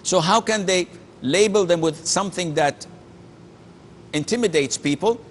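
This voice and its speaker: A man's voice: high voice, moderate pace, a little hiss or hum. Earnest, emphatic male sheikh. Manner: earnest, emphatic, with frequent restarts and Arabic phrases. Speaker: sheikh answering callers' questions. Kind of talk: call-in religious Q&A.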